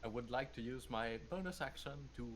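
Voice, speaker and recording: A man playing a tabletop game, speaking in a deliberate, playfully dramatic way. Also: mid-range voice, lively intonation, a little hiss or hum. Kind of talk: casual game role-play.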